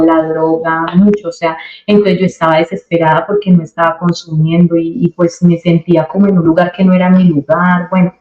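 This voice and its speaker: A young woman giving a personal faith testimony as an interview guest, telling her story in a lively way and acting out what others said. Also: fairly low pitch, echoey room, lo-fi sound. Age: young adult. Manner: animated storyteller who acts out quoted dialogue.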